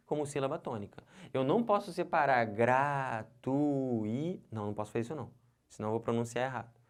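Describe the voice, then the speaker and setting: A man with a Brazilian Portuguese accent teaching an exam-prep lesson on pronunciation, lively and checking in with his viewers constantly. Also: mid-range voice.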